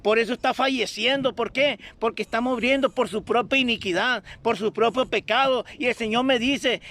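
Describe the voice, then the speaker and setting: A man with a strikingly high-pitched voice preaches a sermon for an online broadcast. He exhorts the listeners fervently, circling back to the same phrases again and again. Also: moderate pace, pushed and bright. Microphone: streamed broadcast.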